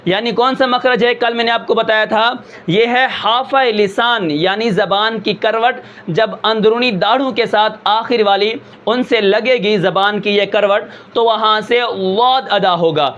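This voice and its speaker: A man with a fairly high voice teaches a tajweed pronunciation lesson, explaining patiently step by step. He poses questions and answers them himself, and now and then slows down to draw out a sound. The recording is somewhat dull and lo-fi. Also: a bit bright. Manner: patient, explanatory, asks himself rhetorical questions and checks in with "okay"; slows and draws out words to demonstrate sounds. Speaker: Quran recitation teacher.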